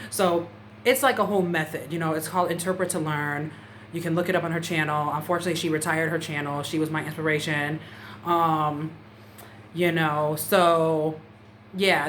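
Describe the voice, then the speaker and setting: Chatty woman vlogger, low voice. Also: a bit bright. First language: English. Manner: chatty, many "you know" fillers. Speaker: language-learning vlogger. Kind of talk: casual talk to camera. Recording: faint background noise.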